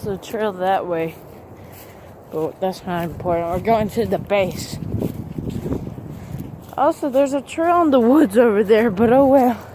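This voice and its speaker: A man's voice: sits high, measured pace, long pauses, background noise. A man talking through a gender swap voice filter that makes him sound like a woman, rambling hesitantly in a casual vlog from up in a tree in the woods. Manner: hesitant, rambling, many fillers. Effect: gender swap voice filter making him sound like a woman.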